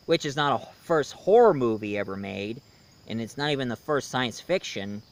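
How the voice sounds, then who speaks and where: Speaking straight to his viewers, a reviewer and host gives a casual, rambling film review in a fairly high, clean-toned voice. He is emphatic and opinionated throughout.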